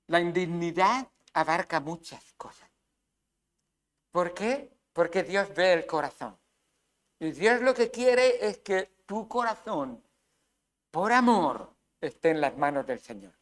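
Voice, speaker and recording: A man's voice: high voice, animated, slow pace, long pauses. A man with a Spain Spanish accent preaching a sermon as pastor, emphatic, with rhetorical questions and acted asides.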